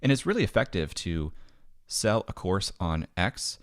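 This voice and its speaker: In a relaxed interview taped in his basement home studio, a Midwestern guest animatedly acts out bits of quoted dialogue. His deep voice is very animated yet measured in pace. There's no echo, and the sound is studio quality.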